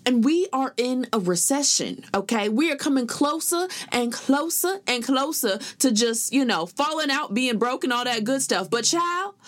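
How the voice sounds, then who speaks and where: A young woman in her twenties co-hosting a podcast in casual chat, sassy and expressive, full of slang. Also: high voice, normal speed, hardly any pauses. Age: 20s. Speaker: podcast co-host.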